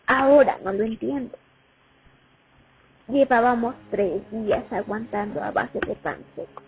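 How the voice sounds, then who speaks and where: In a student radio drama, a woman plays a young Soviet sniper haunted by war memories, delivering a weary, reflective first-person monologue. Her voice is on the high side at a measured pace, with slight background noise and a muffled, phone-like sound.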